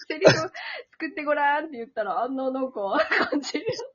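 A woman's voice: sits high, animated, fast talker. A young adult woman hosting a casual chat, laughing often and acting out quoted reactions. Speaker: podcast host. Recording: dull lo-fi audio.

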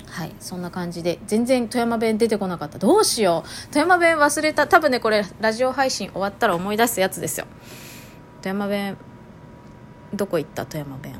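A woman's voice: mid-range voice, expressive, normal speed, pauses often, slight background noise. A woman with a Toyama accent hosting her own internet radio show, casually musing aloud and amused at herself. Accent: Toyama Japanese. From Toyama, Japan. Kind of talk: casual solo talk.

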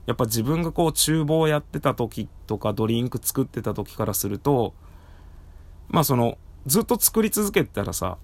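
A man with a hoarse, worn-out throat chatting casually on his own as a podcast host, speaking slightly muffled through a face mask. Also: medium pitch, animated, normal speed, a little mellow. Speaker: podcast host and live streamer. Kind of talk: casual solo talk. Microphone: recorded through a face mask.

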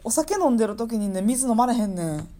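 A woman with a Kansai accent, co-hosting a casual comedy chat and telling anecdotes in an animated way. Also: fairly high pitch, a little fast. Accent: Kansai Japanese. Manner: animated storytelling. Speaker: podcast co-host.

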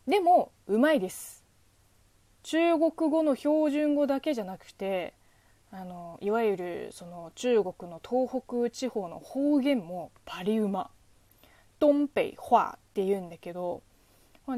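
A young woman whose first language is Chinese, hosting a casual solo podcast and chatting in a lively way with self-deprecating asides. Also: medium pitch, no room sound. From China. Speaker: podcast host.

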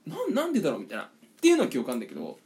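A young man co-hosting a casual podcast chat, telling an animated story and acting out the quotes. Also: medium pitch, very fast, soft background music. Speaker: podcast co-host.

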